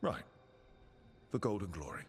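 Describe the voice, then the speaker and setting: Game music runs beneath this heavily acted performance of an easygoing, inquisitive adventurer belonging to an assassin guild, delivered conversationally with dry playfulness and a curious mood. The man's deep voice is sing-song and unhurried, with slight background noise.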